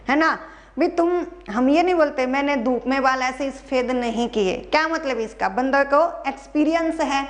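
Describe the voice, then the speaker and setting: High-voiced woman teaching, slow and repetitive. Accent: Haryanvi Hindi. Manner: spells words letter by letter, repeats answers to students. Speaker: English teacher. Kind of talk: classroom exam-prep lesson.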